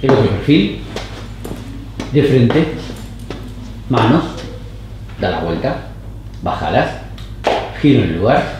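A man directing actors on a casting tape with short, calm, even commands. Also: mid-range voice, takes it slowly, long pauses, a little hiss or hum. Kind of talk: giving short camera directions. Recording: roomy echoey studio.

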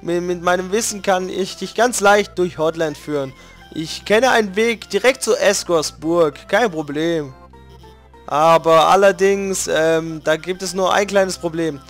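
A man's voice: high voice, a little slow, faint music behind. A man voicing a nervous, stammering female lizard scientist from a video game, hesitating with many ums and restarts. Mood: nervous, sheepish. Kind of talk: reading game dialogue aloud.

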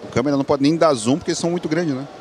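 Highish male colour commentator, noisy background. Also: racing, a little mellow. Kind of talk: conversational boxing analysis. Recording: clear background noise at live event.

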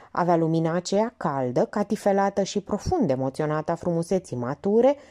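A woman narrating an audiobook with expressive, varied intonation. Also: on the low side. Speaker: audiobook reader.

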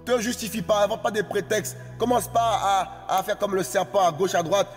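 High-voiced man, fiery singsong sermon, long hall reverb, faint music behind. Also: little pitch movement, normal speed. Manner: exhorting, repetitive, singsong preaching cadence. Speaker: preacher.

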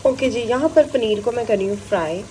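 A hoarse woman with a sore throat, chatting casually through a cooking vlog in her home kitchen, filming on a handheld phone. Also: on the high side, expressive, brisk, dark tone, slight background noise, low-quality recording. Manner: chatty, often adds a polite "okay ji". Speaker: vlogger.

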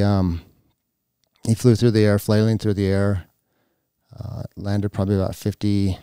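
Low, mellow-voiced man. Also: clear, resonant tone, no room sound, studio quality. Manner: halting, with many restarts and fillers. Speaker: guest. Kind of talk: personal storytelling. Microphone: podcast mic.

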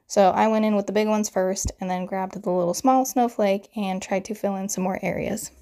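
A woman's voice: medium pitch, steady tone, moderate pace, dark tone, soft background music. A woman in her thirties with a crackly morning voice, chattily narrating a card-making tutorial voiceover and explaining each step.

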